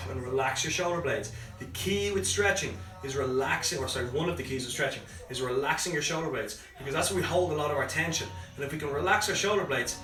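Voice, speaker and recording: A man leading a live home workout as a fitness coach, giving brisk, encouraging cues and breathing prompts. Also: on the high side, sharp tone. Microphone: phone livestream from a distance. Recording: roomy, far from the mic, faint music.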